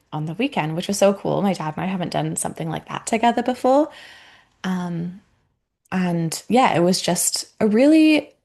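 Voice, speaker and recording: A woman's voice: fairly low pitch, darkish tone. A woman in her thirties hosting a podcast, talking in a chatty, reflective way with lots of fillers. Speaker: podcast host. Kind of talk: casual solo podcast talk.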